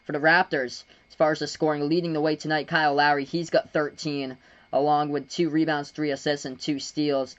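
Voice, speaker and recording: A young man from Massachusetts, voice set a bit high, doing live basketball play-by-play on his stream. He rattles off fast, excited calls on the court action, then slows into easygoing chatter and thank-yous to his viewers. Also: lo-fi sound. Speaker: live-stream sports commentator. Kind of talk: live play-by-play with chat shout-outs.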